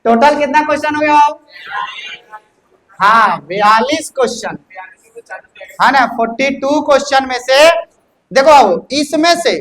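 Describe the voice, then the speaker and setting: A man's voice: extremely high pitch, fairly bright tone, rough recording. A male physics teacher, working through exam questions and encouraging his students, often calling them "babu".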